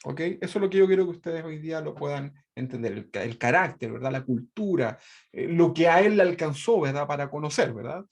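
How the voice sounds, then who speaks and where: A man's voice: a little high, fairly quick. A man teaching a church Bible class in a conversational way, tagging nearly every phrase with a question and acting out quotes with emphasis. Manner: conversational, constantly adds tag questions; acts out quoted speech with dramatic emphasis.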